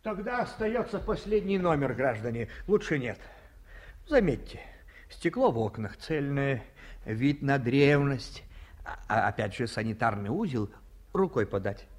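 In a 1950s radio play, an older man acts as a provincial hotel director, a folksy, talkative old small-town hotel keeper. His medium-pitched, sing-song voice unhurriedly spins stories and drops into confiding whispers.

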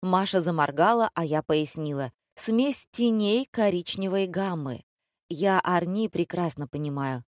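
A woman reading a first-person audiobook with an ironic, lively storytelling manner. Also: lowish voice, unhurried, no echo, studio quality. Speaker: audiobook narrator.

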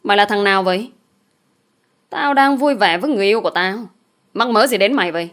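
A woman's voice: mid-range voice, fast, fairly bright tone, lightly acted. A woman voicing a crude, taunting male ex-lover in an audio story, in a mocking, lewd manner. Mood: snarling.

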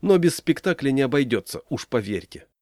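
A man's voice: medium pitch, sing-song, a little fast, darkish tone, dry recording, studio quality, close to an everyday voice. A man voicing a village schoolteacher who speaks in a mocking, ironic way. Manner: mocking, ironic, mannered speech.

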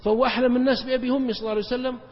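A man preaching, talking very fast in a high, husky voice. He tells stories emphatically and his voice leaps up to stress key points. The lo-fi recording sounds dull, with a long reverb from a big hall. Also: level tone. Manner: emphatic, rapid, jumps in pitch for emphasis. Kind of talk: religious lecture storytelling.

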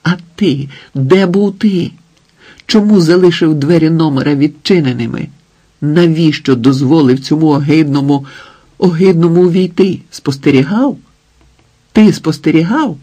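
A frightened young wife in an audiobook, pleading and near tears, as a male narrator puts her on. The delivery is slow, with a rough, husky grain. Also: a little high, expressive, a little mellow, full character voice. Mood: desperate. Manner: pleading, tearful.

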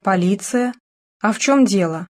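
A woman reading the lines of a young female fashion model who sounds hurried and apologetic. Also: medium pitch, expressive. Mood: shaken.

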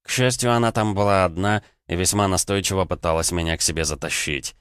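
A male narrator reads first-person fantasy fiction at a steady, measured pace. His voice is deep, smooth and resonant. It is recorded close and dry, with no room echo. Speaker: audiobook narrator.

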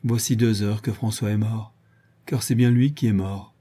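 A man's voice: lowish voice, steady tone, moderate pace, warm tone, husky. Grieving captive mother, read by a man.

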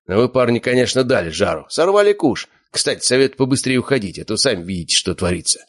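A man's voice: mid-range voice, big pitch swings, fast, no echo, studio quality, pitched above the performer's own voice. A man voicing a laid-back young cashier who gives advice. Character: casual young male cashier smoking.

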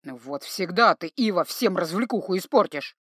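A big hot-tempered troll lad, gruff and loud, dragging out his words in a lower, heavier voice, as a woman reader puts him on. Lively swings in pitch, dry close sound with no room. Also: unhurried, dry recording. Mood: grumbling.

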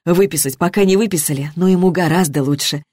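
A woman's voice: fairly low pitch, quick pace, a little mellow, slightly rough, no room sound. Woman doing a cosy older lady neighbour, homely, dry close sound. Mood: glad.

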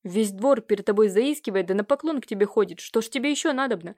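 A woman reading an audiobook, voicing an agitated older nobleman who scolds and nags his nephew with a hoarse, rising voice. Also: medium pitch, animated, fast, darkish tone, natural voice. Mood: scolding. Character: agitated older nobleman uncle, jealous and nagging.

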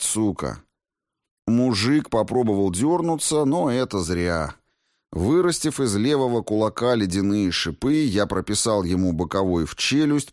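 A man's voice: fairly low pitch, darkish tone, dry recording, studio quality. A man reading a first-person audiobook in a terse, tense way. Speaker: audiobook narrator.

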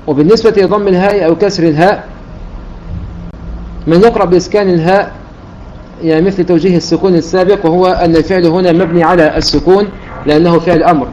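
A man gives a religious lesson in a methodical, repetitive teaching manner. His voice sits slightly high with a mellow tone. The recording is dull and lo-fi with a faint hiss behind him. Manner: methodical, repeats points, restarts words while counting. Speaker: Quran recitation teacher. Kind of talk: religious lesson explaining readings.

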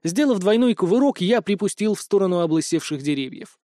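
A man reading a first-person audiobook in a wry, lively manner. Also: sits high, fairly quick, no room sound, clean studio sound. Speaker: audiobook narrator. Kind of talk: scripted first-person narration.

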